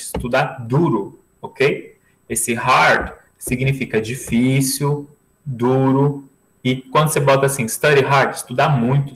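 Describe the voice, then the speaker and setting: A man's voice: medium pitch, fairly bright tone, rough recording. A man teaching English in an online lesson, patiently repeating each word and phrase for his students over a video call.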